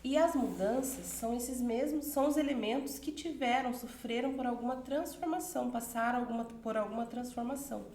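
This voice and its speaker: A woman's voice: on the high side, brisk, hardly any pauses, warm tone, reverberant, a little hiss or hum. A woman from Brazil teaching a recorded class for children, greeting them in a friendly, reassuring way and reviewing the material. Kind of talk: recorded remote class introduction.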